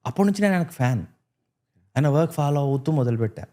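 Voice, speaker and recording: A man guest on a casual podcast chat, telling lively stories and acting out the lines he quotes. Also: on the high side, fast talker. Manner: animated storyteller who acts out quoted lines. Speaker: guest actor.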